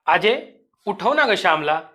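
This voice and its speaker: A man's voice: sits high, sing-song, unhurried, bright, forceful tone, full character voice. A man reading an audio story, voicing a grief-stricken young village mother who pleads tearfully and raises her voice. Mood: desperate.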